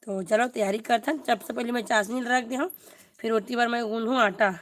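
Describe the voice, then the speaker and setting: A woman with a Chhattisgarhi accent hosting a casual live cooking stream from her home kitchen, chatting to viewers while hushing and directing a small child. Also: on the high side, steady tone, brisk. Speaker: cooking vlog host.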